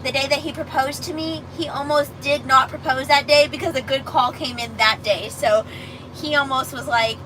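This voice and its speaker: A woman's voice: sits high, steady tone, normal speed, bright, forceful tone, rough recording. A chatty woman co-hosting a casual livestream in an informal, conversational way. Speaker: livestream co-host reading viewer comments. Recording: clear vehicle and road noise.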